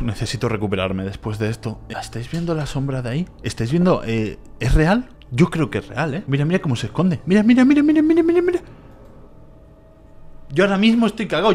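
A man with a Spain Spanish accent doing reaction commentary as a video host, excitable and jumpy, swearing a lot. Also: mid-range voice, fairly quick, a little hiss or hum.

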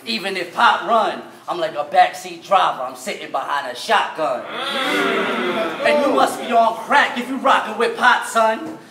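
A man's voice: high voice, lively intonation, unhurried, background noise. A man from New York delivering a mocking battle rap verse full of punchy wordplay. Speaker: battle rapper. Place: barbershop event space. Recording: echoey room.

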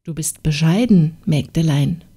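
A woman voicing a kindly, gracious male knight in a fairy tale audiobook, speaking gently and courteously. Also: low-pitched, unhurried, slightly rough.

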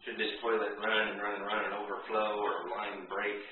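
A man's voice: on the low side, level tone, normal speed, recorded from a distance, slight background noise. A man in his forties, a contractor, explains in a plain, practical way how to install a toilet, step by step, in a small bathroom under remodel. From Texas. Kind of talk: how-to demonstration. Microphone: camera mic from a few feet away. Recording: echoey room, tinny camera sound from afar.

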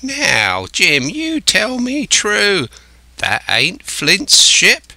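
Ben Gunn, high-pitched crazed castaway pirate. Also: male voice, big pitch swings, slow pace, bright, forceful tone, no room sound, exaggerated voice. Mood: fearful, threatening. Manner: rustic seafaring speech, wheedling, rambling. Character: marooned half-crazed ex-pirate, sly, childish, pious-talking.

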